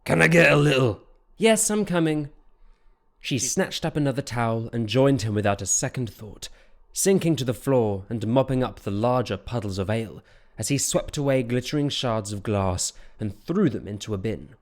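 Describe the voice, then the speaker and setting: A man reads a fantasy novel aloud as an audiobook narrator. His delivery is steady and measured, at an ordinary middle pitch for a man.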